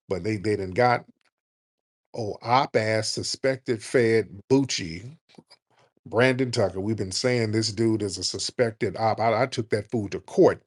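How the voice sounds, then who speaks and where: A man with a husky voice hosts a call-in show, talking bluntly, profanely and with lots of energy. Now and then he mocks people in a high, put-on voice.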